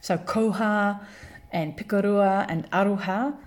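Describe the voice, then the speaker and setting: Born in London and raised in New Zealand, a woman appears as a guest on a conversational podcast interview to explain her community work. Her mid-range voice is steady and measured, and she tells her story earnestly with many restarts.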